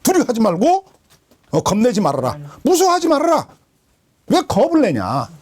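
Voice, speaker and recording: A man's voice: extremely high pitch, wildly swooping pitch, moderate pace, breathy edge, pitched above the performer's own voice, exaggerated voice. A man preaching who voices an elderly prophet urging a frightened people not to fear. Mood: urgent scolding. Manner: exhorting, scolding, rising to shouts.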